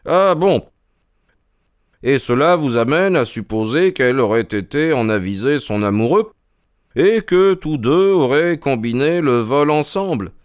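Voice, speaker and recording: A man voicing a calm, methodical detective who questions in a measured, inquisitive way. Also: medium pitch, dry recording, clean studio sound, natural voice. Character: sharp, calm male detective, keen and methodical. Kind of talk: audiobook character reading.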